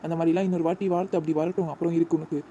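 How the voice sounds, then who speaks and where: A man's voice: on the high side, flat delivery, very fast, mellow, muffled recording, a little hiss or hum, lightly acted. A man voicing a strict but loving village father in a cartoon, scolding his daughter. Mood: stern. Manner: stern scolding.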